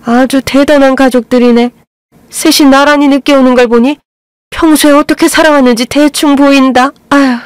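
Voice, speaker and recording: Shrill, sneering middle-aged mother-in-law, voiced by a woman, scolding, raised pitch, dry close sound. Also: steady tone, moderate pace, dry recording, lightly acted.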